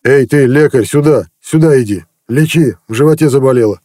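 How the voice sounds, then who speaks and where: A man's voice: on the high side, normal speed, mellow, dry recording, clean studio sound, voice pushed up. A man voicing a drunk, brutish male village chief in pain, roaring threats and orders. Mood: bellowing.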